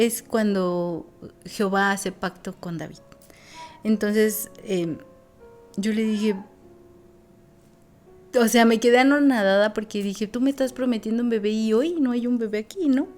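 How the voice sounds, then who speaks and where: A woman's voice: medium pitch, darkish tone. Lady in her 40s telling her faith story, earnest and thoughtful, lots of ums. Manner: earnest, reflective storytelling with many fillers. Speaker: guest. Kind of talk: personal testimony in a conversation.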